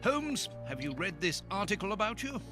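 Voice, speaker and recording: An earnest, slow-witted doctor sidekick in a video game cutscene. His voice sits fairly high and moves a lot as he speaks, polite and eager, with music clearly heard behind him. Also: big pitch swings.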